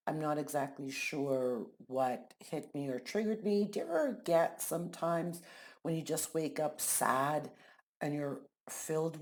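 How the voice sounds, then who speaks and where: A middle-aged woman talking candidly in a casual vlog as an angel card reader, frank and swearing freely. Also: sits low. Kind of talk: casual personal vlog talk. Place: living in Mexico.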